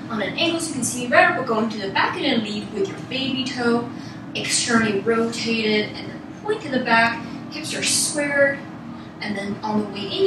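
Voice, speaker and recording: A woman with a slightly high voice teaches a ballet class, offering encouraging explanations along with short rhythmic cues and counts. The room is very echoey and the mic sits far away, with loud music and other noise in the background.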